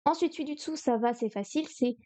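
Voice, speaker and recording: A woman's voice: high-pitched, quick pace, mellow. A woman on a live stream studying Chinese vocabulary, repeating words, counting strokes aloud and chatting to herself as she goes.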